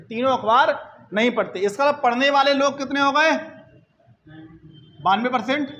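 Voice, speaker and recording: A man teaching an exam-prep math lesson, repeating each point and checking in with quick questions to his listeners. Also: extremely high pitch, a bit bright, low-quality recording.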